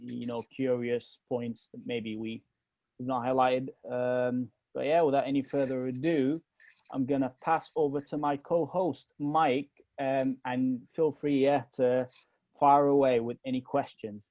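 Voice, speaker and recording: A young Egyptian man whose first language is Arabic co-hosts a casual podcast, speaking with a British accent tinged with American. He talks unhurriedly and hesitantly in a medium, level-toned voice, with many fillers and restarts. The recording is dry, narrow, and tinny.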